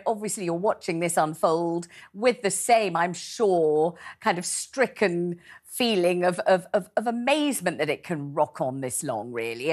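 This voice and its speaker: Chatty woman hosting a TV discussion. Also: mid-range voice. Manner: chatty, theatrical, asks long rhetorical questions. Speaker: TV presenter. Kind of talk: studio political discussion. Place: TV studio.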